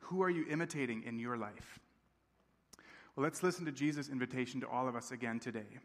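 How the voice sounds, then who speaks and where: Speaking fairly quickly in a mid-range voice, a thirtysomething man preaches to a congregation, checking in with them often in a friendly, conversational style. He is a campus pastor raised in Tanzania. The setting is a large sanctuary, and the sound carries the long echo of a church hall.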